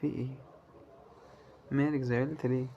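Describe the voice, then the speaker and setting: A man with an Egyptian Arabic accent giving live commentary as he plays a slot game, muttering and pleading with it and breaking into loud cheers. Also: medium pitch, level tone, moderate pace, highs cut off, slight background noise. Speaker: gamer playing a slot game.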